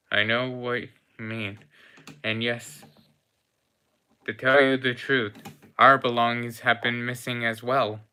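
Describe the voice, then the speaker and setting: A man's voice: medium pitch, sharp tone. A man voicing a polite, fussy cafe owner in a tabletop game, telling a long-winded story with gasps and exclamations. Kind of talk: role-play voice in a tabletop game.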